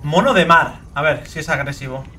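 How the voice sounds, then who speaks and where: Excitable, foul-mouthed young Spanish gamer man. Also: fairly high pitch, a little fast, faint music behind. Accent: Spain Spanish. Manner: excitable, swears a lot, breaks into shrieking outbursts. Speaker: gaming video creator. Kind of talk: let's play commentary.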